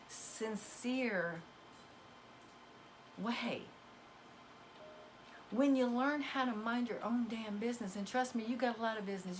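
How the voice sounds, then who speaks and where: In a rough recording with slight background noise, a mid-range woman's voice delivers a casual motivational talk to viewers. She is a card reader losing her voice, and her spiritual pep talk is emphatic, folksy and preachy.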